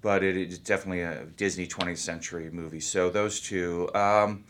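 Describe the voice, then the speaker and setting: A man who is an actor, talking about his work in a relaxed, rambling interview. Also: sits low, moderate pace, a little hiss or hum. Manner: easygoing, rambling, thinks aloud. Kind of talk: casual interview talk.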